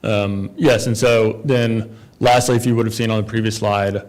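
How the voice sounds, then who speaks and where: A man's voice: fairly low pitch, little pitch movement, normal speed, a little mellow. A man presenting as a developer at a town council meeting, talking casually with many fillers and restarts.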